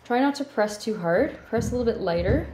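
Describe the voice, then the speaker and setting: Relaxed woman teaching a painting class. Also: on the high side, fairly quick. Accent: Canadian. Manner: relaxed, thinking aloud while working. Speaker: painting instructor. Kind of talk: step-by-step painting tutorial. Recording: roomy studio with faint background hum.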